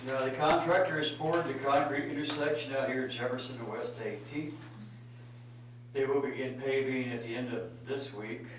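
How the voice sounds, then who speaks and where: An American man speaking as a city administrator, giving an informal status report at a meeting. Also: medium pitch. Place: indoor city meeting room. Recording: very echoey room, distant mic, clear noise.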